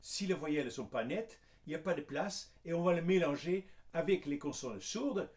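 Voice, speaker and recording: A man's voice: a little high, expressive, moderate pace, a little mellow. A male vocal coach giving a singing lesson, patiently explaining consonants and then singing short examples. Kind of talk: singing lesson with sung demonstrations.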